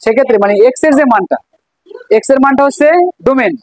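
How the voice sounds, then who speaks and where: A woman with a Bangladeshi Bengali accent teaches a class, prompting students with questions and echoing their answers. Her voice sits a little high. The sound is dry and close. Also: fast talker. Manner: coaxing, asks questions and repeats answers. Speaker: math teacher.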